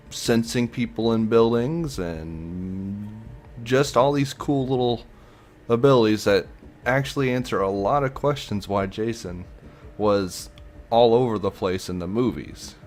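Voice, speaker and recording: A man giving a casual commentary vlog about a video game, blunt and ranting, swearing freely, with many fillers and restarts. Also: fairly low pitch.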